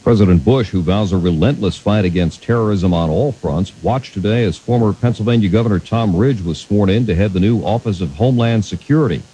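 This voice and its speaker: A man's voice: lowish voice, brisk, hardly any pauses, dark tone, slightly rough, low-quality recording. An American man anchoring a radio news roundup, reading from a script.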